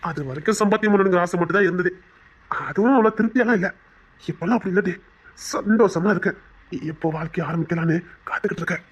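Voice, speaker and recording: A woman's voice: fairly low pitch, slightly rough, lo-fi sound. A woman voicing a playful young man in love, a former rowdy now working as a bank manager, in a Tamil audio drama. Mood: earnest. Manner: fast, playful, coaxing.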